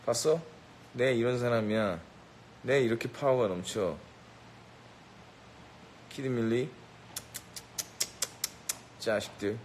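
A man's voice: mid-range voice, takes it slowly, long pauses, darkish tone, a little hiss or hum, rough recording. A man bantering with a live audience in a brash, boastful, mock-bossy way, teasing and giving orders as a joke. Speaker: rapper addressing a live audience.

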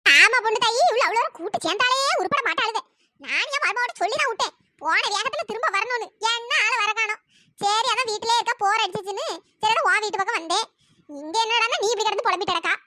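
A woman voicing a gossiping old neighbour woman in a cartoon, with teasing, nosy chatter and a pitch-raised voice. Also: fast, sharp tone. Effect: pitch-raised voice editing. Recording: noisy cartoon voice track.

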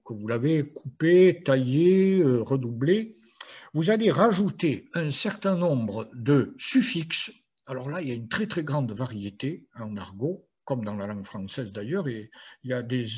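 A man's voice: a little high, darkish tone, breathy edge. An older man, a retired professor, giving a playful university lecture with frequent hesitations.

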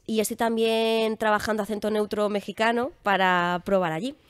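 Young woman, casual podcast guest, lively, chatty, dry close sound. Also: mid-range voice, normal speed, clear, resonant tone, no room sound. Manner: lively, chatty, laughs often. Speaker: guest actress.

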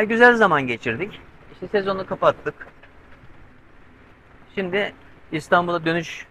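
Here the sailing vlogger's voice is medium-pitched and sharp, and the recording is rough with slight background noise. A middle-aged man alone on his boat at sea, he chats to his handheld pole-mic camera from the covered cockpit, explaining step by step and tense about the weather.

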